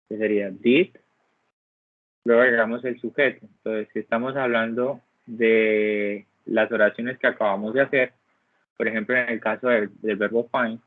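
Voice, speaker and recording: Over a video call, a man with a medium-pitched voice gives an English grammar lesson online. He explains patiently, step by step, and keeps asking the class "¿listo?" to check in. The recording is dry and phone-like.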